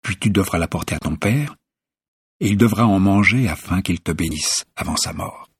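A man's voice: low voice, normal speed, breathy edge, no echo, clean studio sound, exaggerated voice. A man voicing a scheming mother who insistently urges her son.

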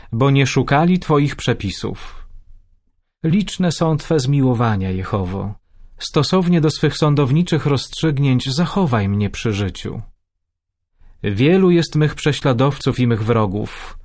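Man reading scripture, solemn and measured. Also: medium pitch, darkish tone.

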